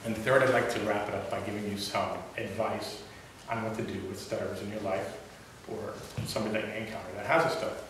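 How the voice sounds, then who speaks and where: A young man with a fairly low, slightly bright voice delivers a prepared speech to a club audience in a meeting room, speaking quickly in a level tone. He stutters and restarts now and then. The recording is distant and echoey, with hiss.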